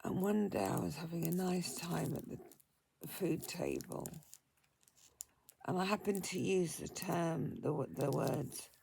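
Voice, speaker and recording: A steady background hiss accompanies this older female vlogger as she speaks from home. Tired and gravelly, her husky, croaky voice moves very slowly, halting often while she draws deep breaths.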